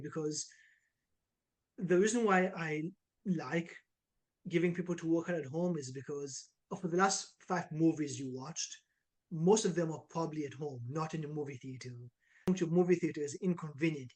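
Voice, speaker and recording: The voice is husky, slightly high, and at normal speed, coming from a man in his twenties from Israel. An online fitness coach, he talks casually and energetically in an interview, leaning heavily on "like" and "right."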